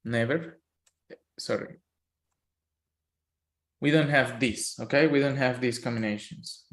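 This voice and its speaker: Slow, patient Colombian man teaching. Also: medium pitch, roomy sound. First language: Spanish. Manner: patient, checks in often with "okay?". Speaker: Spanish teacher. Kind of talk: online language lesson.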